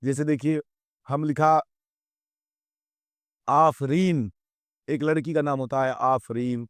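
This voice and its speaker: A male teacher giving a grammar lesson in a patient, measured way. He drops his pace to spell out letters one by one and repeats words for his students. The sound is dry and close, with no room around it. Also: medium pitch, steady tone, smooth, no echo.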